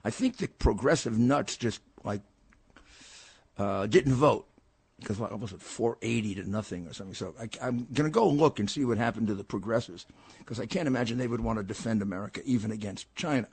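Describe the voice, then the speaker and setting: A man's voice: on the low side, fairly quick, darkish tone, slightly rough, dry recording. An older man hosting a political talk show, giving a blunt, combative commentary monologue with frequent stammered restarts.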